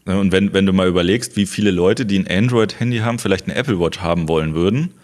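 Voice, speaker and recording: A man co-hosting a casual tech podcast, musing out loud with hesitations. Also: deep voice, quick pace. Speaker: podcast co-host.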